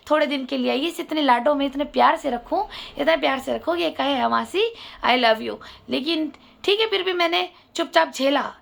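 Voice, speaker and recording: High, gravelly woman telling a story. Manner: animated, acts out quoted voices. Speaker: vlogger. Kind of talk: personal storytelling monologue.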